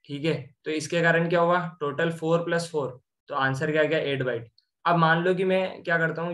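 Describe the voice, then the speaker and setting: A man's voice: on the high side, a bit bright. A young man explaining programming step by step, asking and answering his own questions as he walks through examples. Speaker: programming tutor. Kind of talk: screen-share coding lesson.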